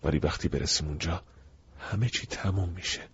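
A man voicing a troubled, guilt-ridden young man in an audiobook, speaking low and strained. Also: breathy edge, exaggerated voice. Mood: weary. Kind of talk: audiobook character voice. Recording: dull lo-fi recording.

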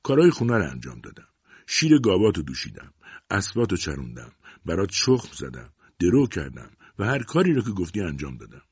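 A man's voice: low-pitched, huge pitch swings, darkish tone, breathy edge, dry recording, highs cut off, heavily acted. A man voicing a young man who pleads earnestly and insistently with his father in an audiobook.

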